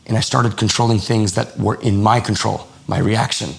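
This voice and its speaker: Man, low voice, heavy vocal fry, podcast guest, lively storytelling, acts out the voices in his anecdotes. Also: normal speed. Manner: animated, acts out quoted dialogue. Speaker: podcast guest, lifestyle coach. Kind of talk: casual interview storytelling.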